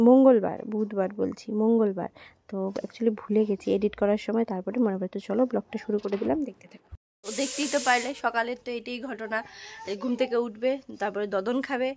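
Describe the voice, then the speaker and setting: A woman's voice: medium pitch, dark tone. A woman vlogger at home, chatting to viewers and to her pet. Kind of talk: casual home vlog narration.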